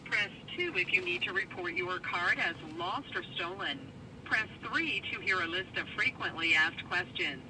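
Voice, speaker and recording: A man's recorded voice on an automated phone menu, reading options in an even, scripted way, built from spliced-together prompts. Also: high-pitched, moderate pace. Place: car, played over a phone. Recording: distant noisy phone speaker in a car.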